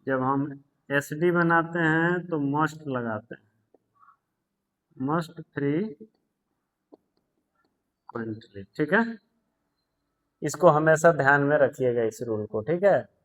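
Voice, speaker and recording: A man teaching English grammar in a patient lesson, repeating words, spelling them out and telling students to pause and take notes. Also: fairly high pitch, expressive, fairly bright tone, low-quality recording. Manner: tells students to pause the video and write notes. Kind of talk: slow explanatory grammar lesson.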